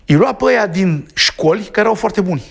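A man's voice: high-pitched, expressive, creaky, slightly rough. A man appearing as a talk-show guest, telling anecdotes in a rambling way, full of asides and fillers. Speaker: interview guest. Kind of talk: casual talk-show conversation.

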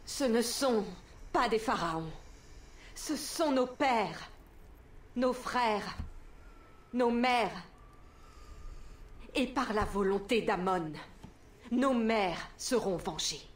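A woman's voice: on the high side, lively intonation, extremely slow, pauses often, echoey room, slight background noise. A woman playing a stern, vengeful Egyptian priestess in a video game, solemn, accusing and declamatory. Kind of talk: video game drama acting.

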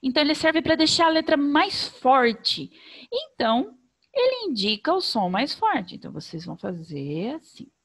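Brazilian woman primary teacher, lively sing-song delivery, slightly high voice, slow careful wording for kids. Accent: Brazilian Portuguese. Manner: sing-song, slow and over-articulated for children. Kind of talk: remote lesson for young children.

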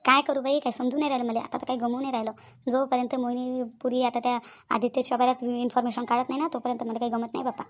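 A woman with a high-pitched voice and a Vidarbha Marathi accent plays anxious village women in a cartoon family drama, lightly acted with little pitch movement. Her quick, emphatic, fretful lines loop back over the same words in homely, colloquial speech, sounding anxious yet resolute.

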